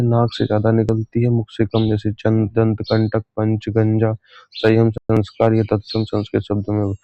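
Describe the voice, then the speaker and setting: A man's voice: on the low side, dry recording, highs cut off. A man teaching a grammar lesson for exam preparation, repeating key points as questions to his students.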